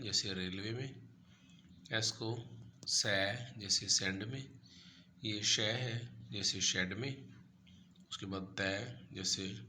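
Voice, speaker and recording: Slow, bright-voiced man teaching letters. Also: fairly low pitch, a little hiss or hum. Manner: patient, spells letters out one by one. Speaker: language teacher. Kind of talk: lesson narration over a chart.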